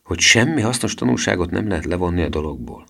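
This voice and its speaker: A man's voice: deep voice, very animated, creaky, fairly bright tone, husky, full character voice. A man voicing a thoughtful middle-aged aunt in an audiobook reading. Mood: pondering.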